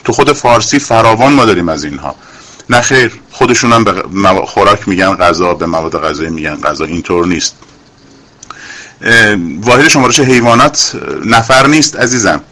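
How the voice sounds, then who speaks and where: Indignant man lecturing, bright voice. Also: fairly low pitch, animated. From Iran. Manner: indignant, lecturing, rising to near-shouting. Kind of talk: impassioned monologue.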